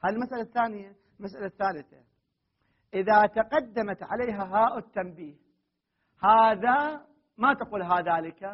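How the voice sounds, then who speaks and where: High husky-voiced guy teaching grammar, keeps quizzing and correcting the class, muffled recording. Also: fairly quick, pauses often. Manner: questions the students often, corrects them firmly. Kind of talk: classroom lesson on Arabic grammar.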